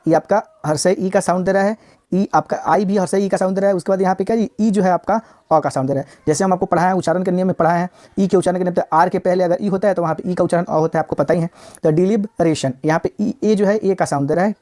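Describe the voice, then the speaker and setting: A woman's voice: lowish voice, warm tone. A woman teaching a recorded vocabulary lesson, repeating each word and asking her students rhetorical questions as she sounds out the spelling. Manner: drills words by repeating them and asks rhetorical questions; slows down to spell and sound out words.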